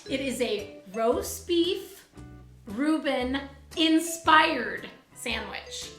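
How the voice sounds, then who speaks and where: Bright-voiced woman food blogger in an echoey room. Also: sits high, lively intonation, very slow, soft background music. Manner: exasperated, laughing, emphatic. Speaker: food blogger and show host. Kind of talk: casual chat reading comments.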